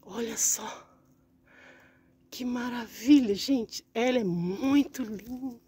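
A woman's voice: a little high, slow, warm tone, slightly rough. Brazilian woman gushing over orchids. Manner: gushing, keeps calling out to viewers. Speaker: orchid vlogger. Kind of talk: casual walk-through vlog. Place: large indoor orchid greenhouse.

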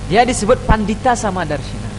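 A man's voice: high voice, sing-song. Earnest man explaining scripture, noisy room. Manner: earnest explaining, chants scripture verses slowly. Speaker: panel speaker. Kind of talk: religious discussion talk. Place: small indoor room at a table. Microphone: desk microphone on stand.

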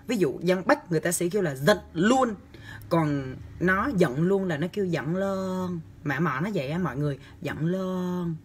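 This is a young man chatting on a livestream from a small indoor room, replying to comments in a teasing, campy, chatty manner full of exaggerated gestures. He speaks at a normal speed in a high voice. A phone camera at arm's length picks him up along with slight background noise.

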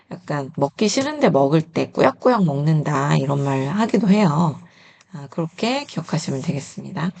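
A woman teaching a reading lesson, slowly sounding out syllables and explaining word meanings politely and patiently. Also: low-pitched, vocal fry, a little mellow. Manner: polite teaching tone, asks questions to the viewer. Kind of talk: slow instructional reading lesson.

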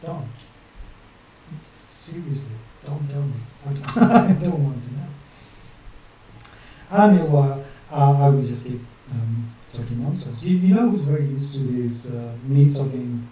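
A man in his forties, a map illustrator and channel host, chats and jokes to himself while drawing a map on screen at his home desk. His non-native English accent shows some northern English influence, and his medium-pitched, mellow voice is animated yet measured, with frequent pauses. The webcam setup in a small room gives a very echoey, distant sound with faint hiss.

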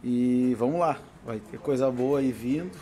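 A nervous, talkative man from southern Brazil, a paranormal vlogger worn out from a sleepless night, chats and laughs often in a casual selfie vlog, with a southern Brazilian Portuguese accent. His voice is mid-range and dark-toned, moving at a measured pace. He films on his home porch and then inside a car, holding the phone at arm's length.

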